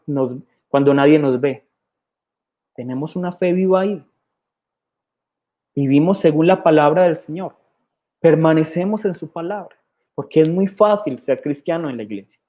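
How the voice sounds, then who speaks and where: A pastor with a Colombian accent preaching a sermon, repeating key phrases and posing rhetorical questions. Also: male voice, on the high side, lo-fi sound. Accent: Colombian Spanish. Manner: emphatic repetition and rhetorical questions.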